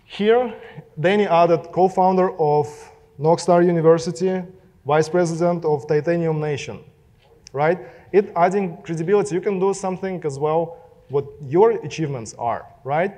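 Speaking to a live audience, a young man with a Russian accent gives a casual talk, addressing people directly and putting questions to the room. His voice is fairly high and mellow, at a normal speed, with the long reverb of a hall around it.

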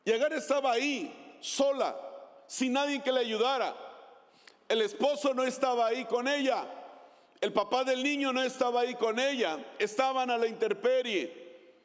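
A man with a high voice delivers a sermon as pastor, reading scripture and asking his listeners questions. His voice carries a long reverb from the hall. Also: moderate pace. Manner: preaching, asks the congregation questions.

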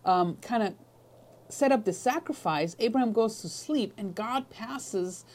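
A woman teaching a Bible class in short, measured phrases, pausing often for an interpreter. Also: fairly high pitch, expressive, a little mellow. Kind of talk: Bible lesson with consecutive interpreting.

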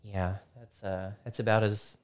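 A man's voice: fairly low pitch, fairly even intonation, measured pace, darkish tone, smooth. A man co-hosting a podcast in casual chat, joking and playful. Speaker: podcast co-host.

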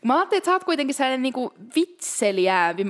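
A woman's voice: high-pitched, big pitch swings, in a large hall. A young woman from Finland co-hosting a podcast with her sister, talking in an easygoing, thoughtful way. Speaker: podcast co-host. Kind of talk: casual chat.

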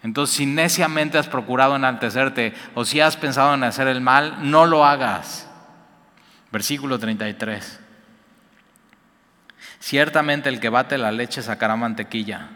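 A man's voice: medium pitch, measured pace, sharp tone, in a large hall. A man preaching a sermon in a conversational way, asking his listeners questions. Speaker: pastor.

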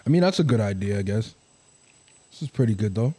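A man's voice: fairly low pitch, expressive, brisk, dark tone, breathy edge. A young man in casual banter with a friend, rambling and teasing as he talks.

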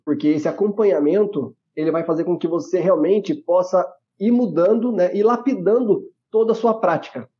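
A man's voice: fairly high pitch, dark tone, highs cut off. A man co-hosting a podcast who explains points in a teacherly way, asking rhetorical questions and tagging lines with "né?". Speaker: podcast co-host. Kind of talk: explanatory casual talk.

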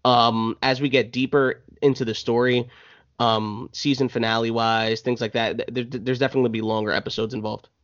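A man talking as a podcast guest, relaxed and rambling with lots of fillers. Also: mid-range voice, brisk. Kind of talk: casual podcast chat. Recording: slightly dull lo-fi sound.

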